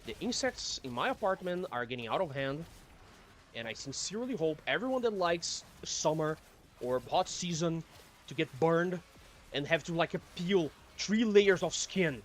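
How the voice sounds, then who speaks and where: A man's voice: fairly high pitch, expressive, normal speed, a little hiss or hum. Grumbling, foul-mouthed man streaming a game. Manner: profane, grumbling, sardonic. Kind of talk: casual gameplay commentary. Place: home apartment.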